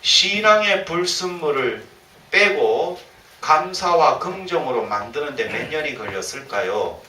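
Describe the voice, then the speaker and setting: A male pastor delivers a sermon with a lively, swooping voice and a bright, sharp edge. He slips into the voices of the people he quotes. The sound is roomy and distant, with faint ambience in the church behind him. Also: fairly high pitch, unhurried, slight background noise. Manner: animated, acts out quoted complaints. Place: church sanctuary.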